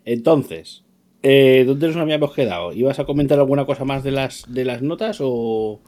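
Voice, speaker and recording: A man's voice: mid-range voice, moderate pace, mellow. A man with an accent from Spain, talking casually as a podcast co-host. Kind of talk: casual chat.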